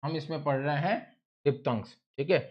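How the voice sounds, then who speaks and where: A man's voice: on the high side, fairly quick, muffled recording. A male teacher, giving a classroom lecture, who repeats words and keeps asking the class questions. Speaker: English teacher.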